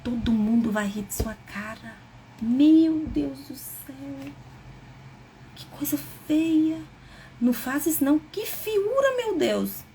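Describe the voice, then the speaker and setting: A woman mimicking a shrill, nagging parent. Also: animated, slow, warm tone, slight background noise, heavily acted. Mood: scolding. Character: exasperated old-fashioned parent scolding crying boy.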